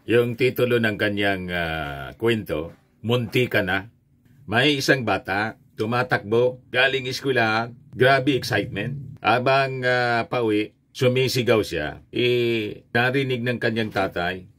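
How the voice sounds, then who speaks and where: A man's voice: medium pitch, measured pace, fairly bright tone. Chatty middle-aged male vlog host. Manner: chatty, laughs at his own jokes. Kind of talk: casual news commentary and joke telling.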